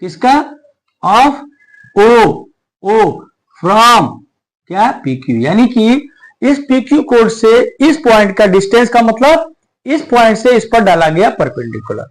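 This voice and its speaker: A man with a high voice teaches a maths class. His pitch rises and falls a lot as he explains. He keeps checking whether his students follow him. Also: very animated, slow, poor audio. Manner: explains step by step, asks the class questions. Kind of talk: whiteboard maths lesson.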